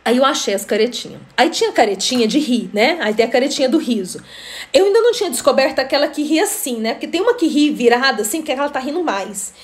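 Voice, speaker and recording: A woman's voice: high-pitched, expressive, quick pace. A middle-aged woman, hosting a live stream and telling stories in a chatty way, often laughing and greeting viewers by name. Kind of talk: casual storytelling live stream.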